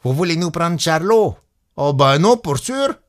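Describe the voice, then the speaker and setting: A man voicing a stubborn peasant mother who talks in rough rustic country speech. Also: on the high side, very animated, measured pace, dry recording, clean studio sound, pitched above the performer's own voice. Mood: astonished.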